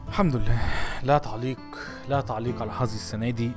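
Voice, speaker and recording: A man with an Egyptian Arabic accent, commentating his own pack openings as a gaming streamer, jittery and swinging between mumbles and shouts. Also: medium pitch, fairly even intonation, fast, music in the background.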